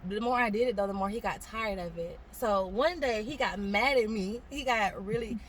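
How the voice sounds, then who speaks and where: A young woman casually telling a personal story to an interviewer, animated and acting out the voices of the people in it. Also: mid-range voice, moderate pace, a little hiss or hum. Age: young adult. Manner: animated, acts out quoted voices, laughs often. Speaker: guest telling her story.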